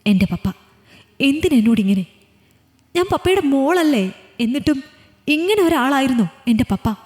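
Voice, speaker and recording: A woman voicing a young adult daughter in a storybook reading, soft and pleading. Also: medium pitch, expressive, moderate pace, big-room sound, lightly acted. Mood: distraught. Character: young adult daughter, tender then shattered.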